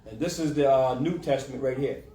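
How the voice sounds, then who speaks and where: A man's warm, medium-pitched voice moves briskly as he informally teaches a scripture class, repeating points and tossing in tag questions such as "okay" and "huh." The recording has a little hiss or hum, with a distant mic in an echoey room.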